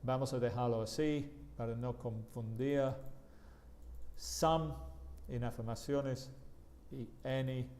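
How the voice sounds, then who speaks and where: Male English teacher, live online class, unhurried, mid pitch, bilingual delivery. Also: fairly even intonation, a little mellow. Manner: slow, switches between Spanish and English, calls on students by name.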